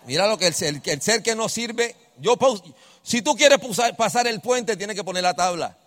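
Middle-aged guy, high voice, animated storytelling to an audience. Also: moderate pace, in a large hall. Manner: animated, addresses the audience directly. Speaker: speaker at a live event.

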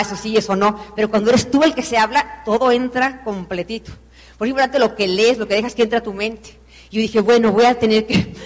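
A Mexican woman speaking to a crowd in a motivational talk, her voice carrying a long hall reverb. She tells her story with animated, self-mocking humor, jumping into the voices of the people in it. The delivery is expressive and conversational rather than polished. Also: fairly high pitch.

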